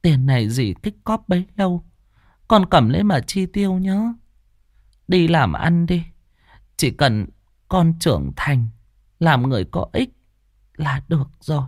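A man doing a soft-hearted old village aunt. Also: fairly high pitch, sing-song, a little slow, long pauses, no echo, clean studio sound, pitched above the performer's own voice. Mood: tender. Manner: pleading, fussing and tender.

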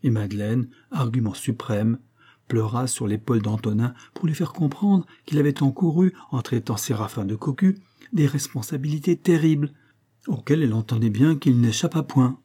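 Male audiobook narrator, husky, dark tone, steady reading. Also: mid-range voice, moderate pace.

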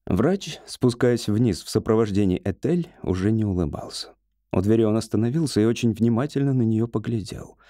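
A man narrating an audiobook horror story in an even, measured way. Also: fairly low pitch, no room sound, studio quality. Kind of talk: scripted literary narration.

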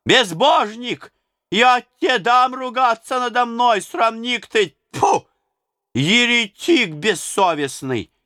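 A man reading an audiobook and voicing an enraged old woman nurse who shrieks insults in a high, strained voice. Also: expressive, slow pace, bright, forceful tone, dry recording, clean studio sound, exaggerated voice. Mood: furious. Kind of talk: audiobook character voice.

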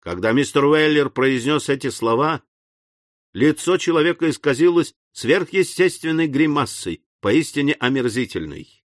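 A man narrating an audiobook in an expressive, dramatic style. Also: a little high, normal speed, dry recording, studio quality. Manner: lively, dramatic reading.

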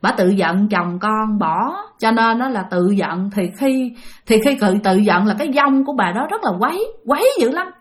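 At a moderate pace and in an animated, mid-range voice, a woman hosting a storytelling channel tells ghost stories her listeners submitted. Her narration is conversational, with frequent direct asides to the audience.

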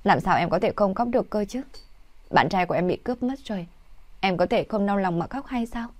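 A woman's voice: medium pitch, animated, brisk, no room sound, close to an everyday voice. A woman voicing a clingy, weepy young ex-girlfriend who pleads in tears, in a read-aloud story. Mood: tearful begging. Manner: pleading, tearful.

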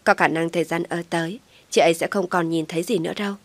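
A woman doing a hospital nurse, plain-spoken and blunt, in a low voice. She states things flatly, and the sound is close and dry. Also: quick pace, dry recording. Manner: blunt, matter-of-fact.

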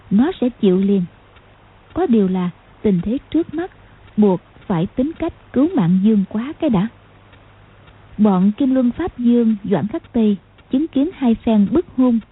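A woman reads an audiobook aloud with steady storytelling. Her voice sits a little high and very breathy, and the recording is thin and phone-like. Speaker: audiobook narrator. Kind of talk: scripted narration.

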